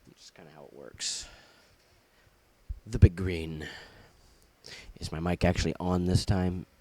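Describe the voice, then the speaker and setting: A man's voice: sits low, steady tone, measured pace, darkish tone, no echo. A man casually showing off his laserdisc collection, jokey and rambling, with puns and asides. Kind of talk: casual show-and-tell vlog.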